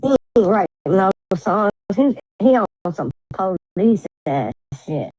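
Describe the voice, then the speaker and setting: A woman chatting on a livestream in an animated, profane, slangy way. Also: medium pitch, unhurried, no room sound, low-quality recording. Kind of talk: casual livestream chat.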